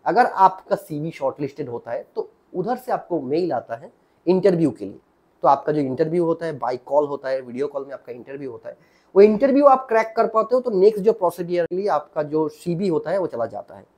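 A man's voice: fairly high pitch, big pitch swings, fairly quick, a little mellow. A man hosting a channel, giving casual job advice straight to the viewer, repeating points and checking in with the listener. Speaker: channel host, job guidance. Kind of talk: casual direct-to-camera advice.

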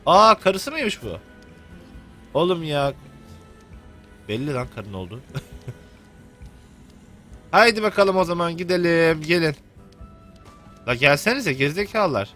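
A man's voice: on the high side, very animated, a little slow, long pauses, fairly bright tone, faint music behind. A young man commenting on a video game while he plays, joking and cursing at the characters. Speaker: gameplay commentator. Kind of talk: let's play commentary.

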